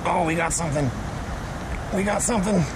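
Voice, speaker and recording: A man narrating his magnet fishing aloud from a kayak on a river, getting excited over each find, recorded on a head-mounted camera. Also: sits high, fairly quick. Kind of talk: casual outdoor vlog narration. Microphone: head-mounted action camera. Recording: loud water and outdoor noise. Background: river water and outdoor ambience.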